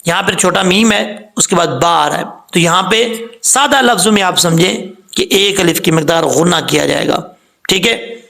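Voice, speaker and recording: Male tajweed teacher, high voice, gravelly edge, patient and methodical. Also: bright, forceful tone. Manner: patient, repeats common mistakes and corrections; slowly spells out letters and vowel marks. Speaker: Quran recitation teacher. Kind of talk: step-by-step tajweed lesson.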